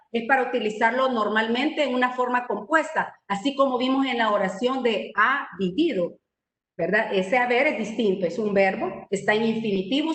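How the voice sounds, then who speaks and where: A woman's voice: fairly high pitch, a bit bright. Woman, grammar instructor, online class, patient explanations, echoey room. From El Salvador. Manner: patient, explanatory, frequent checking tags. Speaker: writing and spelling instructor. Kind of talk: online training lesson.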